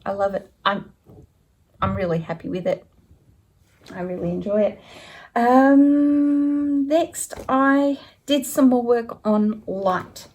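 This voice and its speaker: A woman's voice: on the high side, slow pace, pauses often, a little mellow. A woman chatting casually at home about her stitching projects, rambling a little and correcting herself as she goes. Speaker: stitching vlogger. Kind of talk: casual show-and-tell chat.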